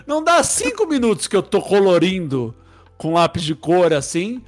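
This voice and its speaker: Casting note: a high-pitched man, animated and laughing as he tells a story in relaxed chat. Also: normal speed, soft background music.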